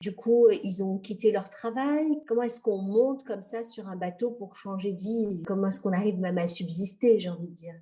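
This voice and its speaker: A woman hosts an educational podcast with a mellow, warm tone. She asks her guest polite, formally phrased questions with occasional fillers. Her pitch sits in a middle range. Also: moderate pace, few pauses. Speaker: podcast host. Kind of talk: interview podcast.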